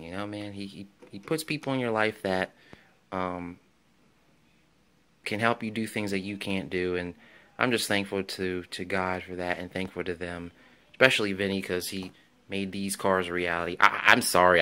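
A man's voice: sits low, bright, forceful tone, clean tone. A man casually showing off his toy car finds in a vlog, rambling and enthusiastic, with many ums and restarts. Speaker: toy car collector vlogger. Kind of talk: casual show-and-tell vlog.

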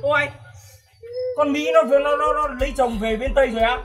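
A woman playing a loud, coarse older shop owner who scolds and wails mock laments in a comedy sketch. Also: high voice, fairly even intonation, brisk, close to an everyday voice. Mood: scolding. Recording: distant mic with music behind.

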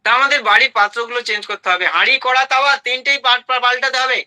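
This health speaker, a man with a high, very bright, piercing voice, addresses an audience at a racing pace. He's emphatic, firing off items in short bursts and repeatedly asking rhetorical questions, and the recording is rough.

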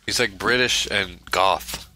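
Man, low pitch, very bright forceful voice, joking co-op gameplay commentary, music behind. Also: slow. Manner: joking, reacts loudly. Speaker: gamer.

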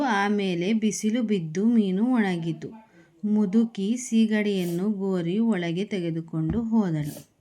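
A woman teacher reading a children's story aloud slowly and then explaining it to young pupils. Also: medium pitch, warm tone, a little hiss or hum. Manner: slow, clear storybook reading with repeated calls.

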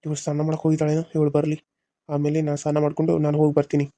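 A man's voice: on the high side, completely flat delivery, very fast, dark tone, no room sound, natural voice. A man voicing a moody young husband in a cartoon serial, brooding and harsh by turns. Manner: brooding, harsh, then pleading. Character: young husband, moody, torn between two women.

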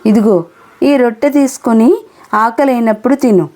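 A woman's voice: on the high side, moderate pace, dark tone, natural voice. A woman voicing a hungry, poor old village woman who speaks plainly and gratefully.

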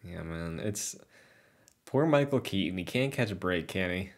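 A young man with a fairly low voice co-hosting a casual talk podcast. He chats easily and wryly, chuckling as he goes. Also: expressive, normal speed. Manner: chatty and wry, often laughing. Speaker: podcast co-host. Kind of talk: casual chat.

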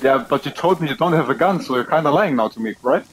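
A man's voice: fairly high pitch, animated, fast, rough recording. A German man speaking English with a German accent, chatting casually and a little hesitantly while playing an online game, in a joking manner.

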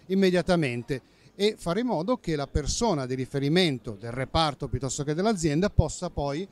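A man's voice: a little high, lively intonation, normal speed. A man in his fifties demonstrating a safety app at a busy indoor trade fair stand, speaking into a handheld mic, explanatory and fluent with small self-corrections. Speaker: company safety manager. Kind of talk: trade fair product demo. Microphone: handheld interviewer mic.

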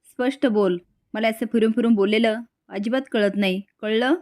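A woman's voice: fairly high pitch, fairly even intonation, normal speed, darkish tone, natural voice. A woman voicing a haughty, scheming young woman who taunts and dismisses others. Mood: scornful.

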